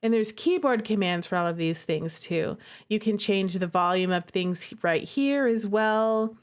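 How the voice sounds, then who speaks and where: Hosting a livestream playthrough, this woman, a streamer who also creates visual novels, talks casually and playfully to her audience about the game, animated and chatty as she addresses them directly. She has a mid-range, clean voice and speaks a little slowly, with music behind her.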